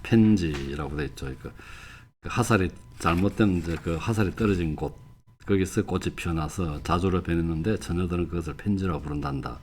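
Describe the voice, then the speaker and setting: A man's voice: deep voice, brisk, a little mellow, a little hiss or hum. An older man giving a professor's lecture, reading passages aloud and telling anecdotes in a chatty way. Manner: conversational, tells anecdotes, reads quotes with feeling.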